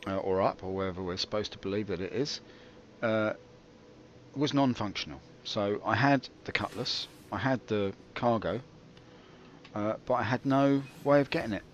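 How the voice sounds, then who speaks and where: A man's voice: lowish voice, moderate pace, dull audio, slight background noise. A man hosting a gaming video with rambling, self-mocking, dryly comic commentary. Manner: dry, self-mocking, digressive.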